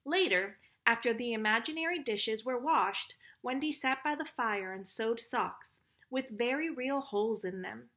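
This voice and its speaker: Brief: woman storyteller, children's book, gentle, fairly high. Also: expressive, a little slow, hardly any pauses. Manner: warm, gentle, affectionate.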